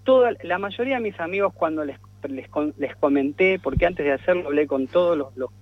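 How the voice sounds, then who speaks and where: A man's voice: a little high, animated, brisk, dry recording. Hesitant man, lo-fi radio. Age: 40s. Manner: hesitant, many restarts and fillers. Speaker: guest. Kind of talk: radio interview. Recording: dull lo-fi radio sound.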